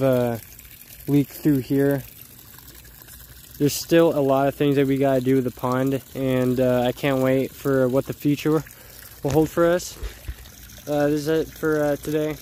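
A man casually talking viewers through his work on a project, outdoors in a backyard, in a relaxed and rambling way. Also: mid-range voice, a little hiss or hum. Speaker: vlogger. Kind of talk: casual DIY vlog narration.

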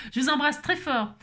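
A woman's voice: mid-range voice, fairly bright tone. A woman craft vlogger chatting casually and playfully, tagging "hein" onto her sentences and breaking into bits of song. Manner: bubbly, chatty, playful, sings snippets; repeats "hein" constantly. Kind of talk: casual chat.

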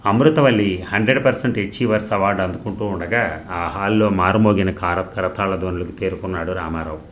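A man reading a short story aloud in a steady, even narrating voice. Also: low voice, a little hiss or hum.

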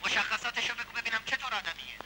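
A man's voice: very high voice, very animated, pushed and bright, a little hiss or hum, exaggerated voice, rough recording. An actor playing a ruthless, impatient male crime boss who gives cold orders in a dubbed 1960s film. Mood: menacing.

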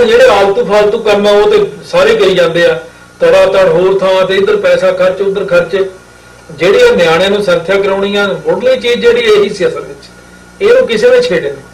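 Man, scripture teacher, slow drawn-out recitation, quick explanations, echoey recording from afar. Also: high-pitched, a little hiss or hum. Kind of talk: recitation and pronunciation lesson. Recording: echoey room, voice from a distance.

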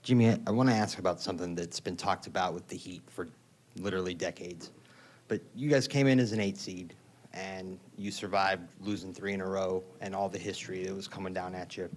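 Deep-voiced reporter asking a question. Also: male voice, a little hiss or hum. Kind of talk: press conference question.

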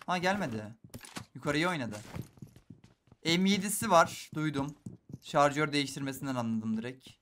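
Young male gamer, high and bright, excitable play-by-play, faint hiss behind. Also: moderate pace, long pauses. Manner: excitable, talks to viewers while playing, swings between hushed and loud. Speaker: gaming YouTuber. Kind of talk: live gameplay commentary.

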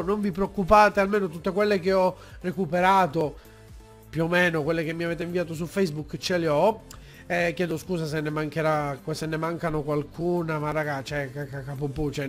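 A young man, telling a story on his vlog from a desk mic at home, acting out shouting fans. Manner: animated, acts out shouting fans in high yells. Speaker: YouTuber. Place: room at home. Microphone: desk mic with pop filter.

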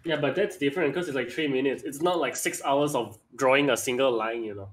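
Male art streamer, average-pitched voice, blunt, complaining casual co-host. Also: fairly quick. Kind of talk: casual podcast chat.

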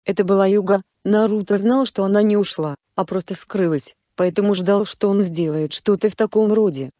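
Mellow-voiced woman reading a story. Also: mid-range voice, no echo, clean studio sound. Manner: even, unhurried storytelling, voicing all characters in her own voice. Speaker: narrator. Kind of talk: reading a fan fiction story aloud.

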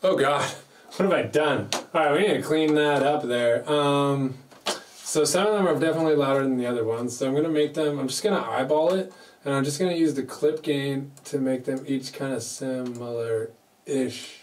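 A man's voice: medium pitch, normal speed. A man casually vlogging in his home studio, chatty and joking at his own expense. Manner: playful, chatty, jokes at himself. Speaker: music producer. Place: home recording studio with mixing desk. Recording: distant mic, faint background noise.

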